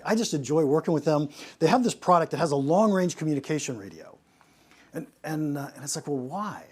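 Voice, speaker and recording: A man with a slightly high voice gives a lively lesson on pricing as a consultant. He keeps asking rhetorical questions and often stumbles into quick restarts as he builds his points. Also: breathy edge. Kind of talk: presentation on pricing.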